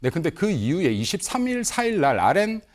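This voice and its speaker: A man's voice: high voice, sing-song, brisk. A man on a TV political panel, a party spokesman arguing firmly and quoting poll numbers. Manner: emphatic, cites statistics. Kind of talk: political debate on TV.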